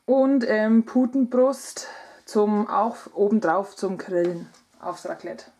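A woman's voice: medium pitch, slow, dark tone, slightly rough. A woman in her thirties narrating a casual vlog in a chatty manner, talking straight to her viewers. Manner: chatty vlogger presenting items, addressing viewers directly. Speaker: vlogger. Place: indoors at home, kitchen.

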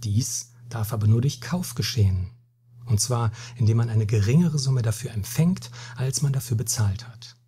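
A weary Spanish captain with a burden on his conscience, speaking slowly and gravely and turning scornful when crossed, as a male reader puts him on. The voice is dark and mellow, and deeply husky and breathy, in a storybook reading. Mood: solemn. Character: weary, hot-tempered Spanish captain, middle-aged man.

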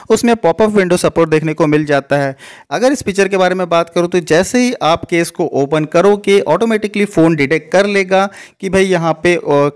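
A man giving a casual voice-over comparison of two gadgets, explaining each point plainly and calling viewers his friends. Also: high voice. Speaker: tech reviewer.

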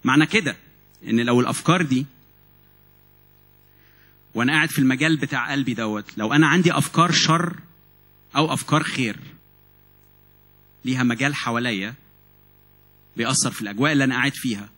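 Egyptian male preacher, quick delivery, husky tone, animated and full of restarts. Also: medium pitch. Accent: Egyptian Arabic. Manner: animated, repeats and restarts words. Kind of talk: sermon. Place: church meeting hall.

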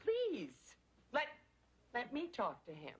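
A woman's voice: fairly high pitch, huge pitch swings, takes it slowly, full character voice. An older woman playing an impatient, emotional widowed mother in a sitcom. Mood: insistent. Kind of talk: sitcom acting. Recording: noisy, studio audience behind.

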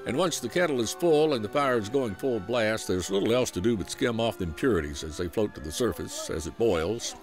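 Folksy Southern male narrator, lively delivery. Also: lowish voice, fairly quick, hardly any pauses. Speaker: program host and narrator. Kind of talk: scripted documentary narration. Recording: voice-over with music underneath.

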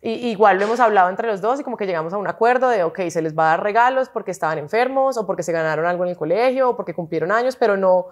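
A woman in her thirties with a Colombian accent, a guest in an interview who talks frankly and chattily, often agreeing with quick repeated words. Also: medium pitch. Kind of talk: casual interview chat.

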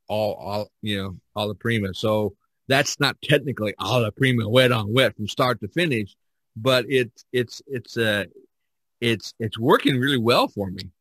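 A podcast host rambles and jokes his way through a casual chat about painting. His voice is on the low side and a bit bright, with no room sound.

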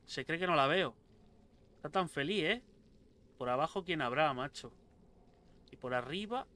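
A young man giving casual let's-play commentary, excitable, swearing a lot and talking back to enemies on screen. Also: on the high side. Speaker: gameplay streamer.

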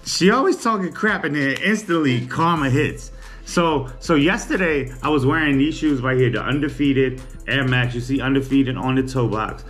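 A man's voice: mid-range voice, normal speed, fairly bright tone, soft background music. A man, chatting casually to camera in a small room about his day. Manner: chatty, laid-back, teasing. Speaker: vlogger. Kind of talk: casual chat. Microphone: camera on a table.

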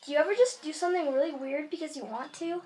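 Bubbly high-voiced young woman vlogging. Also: fast talker, darkish tone, a little hiss or hum, rough recording. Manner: chatty, giggly, addresses viewers directly. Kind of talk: casual home vlog. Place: family home at Christmas. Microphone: handheld camera.

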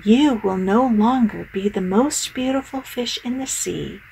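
A wise old octopus gives advice in a calm, measured storybook voice, as a woman puts her on. The pace is slow, with a gravelly texture. Faint ambience is heard behind her. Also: fairly high pitch, slight background noise, poor audio.

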